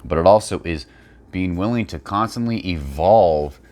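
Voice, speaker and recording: Low-voiced man, blunt commentary. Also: moderate pace, darkish tone. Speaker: fitness video creator. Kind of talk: unscripted response-video commentary.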